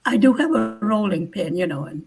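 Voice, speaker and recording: Gravelly older woman, blunt and laughing. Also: medium pitch, animated, brisk, a little mellow. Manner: blunt, laughing, acts out quoted dialogue. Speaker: channel host. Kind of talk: casual live chat.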